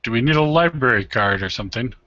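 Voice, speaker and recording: Bright-voiced, tentative man at game night. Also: medium pitch, animated, fast talker, no room sound. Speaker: tabletop game player. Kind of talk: casual chat. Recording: dull lo-fi audio.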